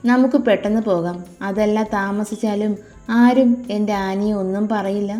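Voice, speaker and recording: A woman's voice: mid-range voice, moderate pace, mellow, faint music behind, natural voice. A woman voicing a sweet-talking young man who dotes on his fiancée, tender and coaxing.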